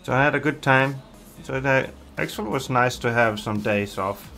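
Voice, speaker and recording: An Icelandic man streams games and chats casually with viewers, reading their comments aloud and using hesitant fillers. His mid-range voice is creaky, pushed and bright at a normal speed, with faint music in the background.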